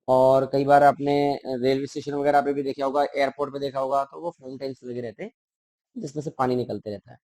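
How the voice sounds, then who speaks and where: A man's voice: a little high, a little mellow, no room sound. A male teacher explaining a school textbook to children, repeating key words and asking the class questions.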